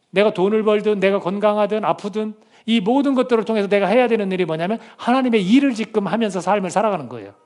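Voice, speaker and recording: A man's voice: sits high, darkish tone. A man preaching a sermon as pastor. He asks the congregation questions, reads scripture aloud with them, and acts out quoted speech in dramatic bursts.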